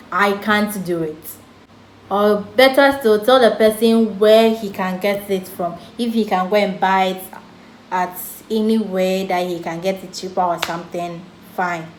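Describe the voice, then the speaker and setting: A young woman with a Ghanaian English accent telling a storytime vlog in a chatty way, laughing off serious things. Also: medium pitch. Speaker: vlogger. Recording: echoey room with faint background noise.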